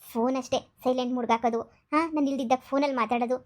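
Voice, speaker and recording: A woman's voice: sits high, fairly even intonation, very fast, natural voice. A woman voicing a jealous, nagging young wife who accuses and needles in a cartoon comedy. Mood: accusing. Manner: accusing, needling, repeats herself.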